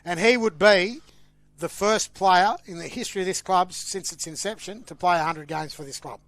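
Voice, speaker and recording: Aussie bloke on a sports podcast, fairly high voice, dry close sound, hypes things up. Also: male voice, normal speed, fairly bright tone, no echo. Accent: Australian. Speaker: podcast host. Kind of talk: casual sports podcast chat.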